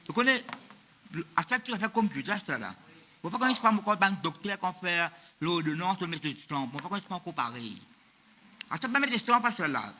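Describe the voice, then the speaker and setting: A man's voice: sits high, pushed and bright, a little hiss or hum. A man, preaching a sermon as pastor of a church, in a loose, repetitive style that mixes French and Creole. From Mauritius.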